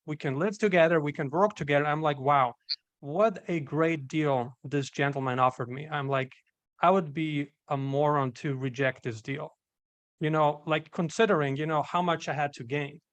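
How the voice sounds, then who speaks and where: A man's voice: on the high side, moderate pace, a bit bright, dry recording. A young man from Austria, a guest entrepreneur telling his story in casual interview chat, upbeat and peppered with "you know".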